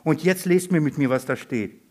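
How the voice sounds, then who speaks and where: A man preaching a sermon, animated, throwing questions at the congregation. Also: a little high, moderate pace.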